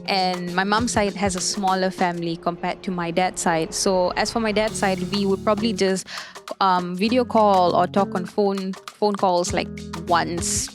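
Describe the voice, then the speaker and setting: Young woman, casual panel talk, lots of "like", medium pitch, faint music behind. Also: steady tone, a little slow. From Malaysia. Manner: chatty, frequent filler "like", restarts. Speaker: panel guest.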